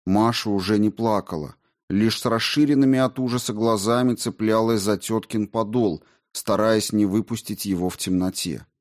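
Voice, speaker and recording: Male audiobook narrator, steady delivery. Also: on the low side, normal speed. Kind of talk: scripted narration.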